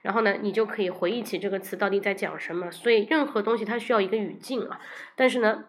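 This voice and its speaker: A woman hosting a livestream English vocabulary lesson. She explains in Chinese, mixes in English phrases and repeats English words slowly, syllable by syllable. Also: medium pitch.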